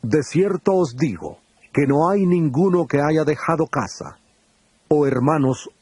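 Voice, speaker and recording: This dramatized scripture recording features a male actor as Jesus, his voice on the high side and husky. He delivers his lines as a calm, earnest teacher in a solemn, measured tone, captured in a dry recording.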